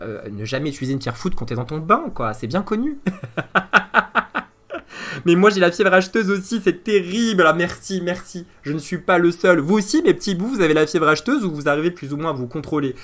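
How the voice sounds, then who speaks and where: A man in his thirties chatting casually with his live-stream viewers, animated and laughing at his own jokes. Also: sits high, quick pace, few pauses. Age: 30s.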